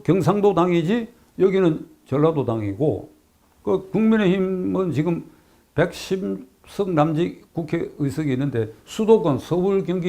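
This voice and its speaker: Older man, high-pitched voice, emphatic political commentary, repeats phrases, rhetorical questions. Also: a little mellow.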